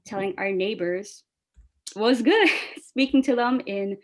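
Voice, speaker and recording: Unhurried and mid-range in pitch, the Bangla-speaking New York organizer hosts the press call with cheerful enthusiasm. Her moderation stays casual, friendly and upbeat.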